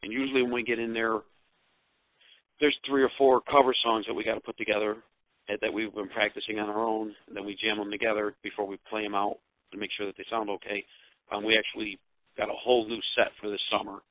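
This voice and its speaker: An American man speaking over the phone as a musician giving casual interview answers, rambling and pausing often. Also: lowish voice, level tone, dry recording. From Utica, New York, United States. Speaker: rock band musician and songwriter being interviewed. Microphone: telephone. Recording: dull, narrow-band phone line.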